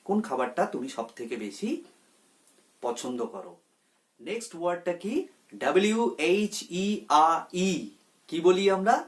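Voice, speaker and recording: A man teaching a pronunciation lesson, repeating each word slowly and explaining it step by step. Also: high voice, big pitch swings. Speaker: English tutor.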